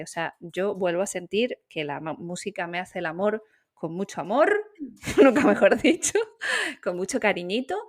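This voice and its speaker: A woman's voice: fairly low pitch, no room sound. Chatty woman, dry close sound. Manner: chatty, candid, with laughs and fillers. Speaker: podcast co-host. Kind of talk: casual conversation.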